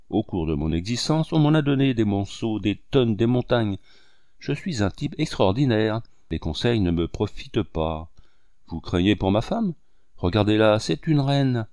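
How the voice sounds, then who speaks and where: Man reading a defiant broke artist for an audiobook, boastful and loud, pitch swinging wide, dry sound. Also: no echo, close to an everyday voice. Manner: boastful, exclamatory. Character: proud, defiant poor artist man, laughing off advice.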